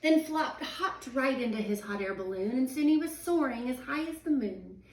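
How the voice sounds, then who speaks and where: A woman, a teacher in her thirties, reading a children's picture book aloud at home in a sing-song, expressive way. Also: sits high, normal speed. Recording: echoey room, voice a little far from the mic.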